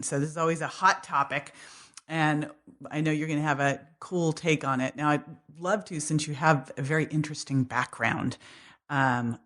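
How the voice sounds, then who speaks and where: A woman's voice: low voice, a bit bright. A woman hosting a podcast, chatting casually in an upbeat way with slang and easy laughs. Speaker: podcast host. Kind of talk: casual interview chat.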